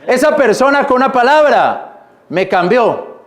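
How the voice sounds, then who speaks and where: A man preaching a sermon in church, reading scripture slowly and explaining it in plain, repetitive words. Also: very high-pitched, sing-song. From Colombia. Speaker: pastor.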